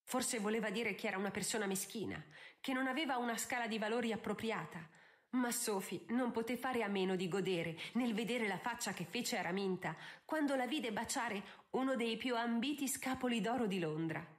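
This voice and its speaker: A woman reading a novel aloud as an audiobook narrator, in measured, expressive scripted narration. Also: on the high side.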